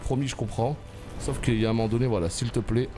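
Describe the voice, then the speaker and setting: A man gives live gameplay commentary in a middle-pitched voice, teasing and scolding an enemy as he plays. His voice jumps into high yells when things go wrong. Soft music plays faintly behind him. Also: fast. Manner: excitable, yells and pleads at the boss; teasing, sarcastic banter. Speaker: gaming YouTuber.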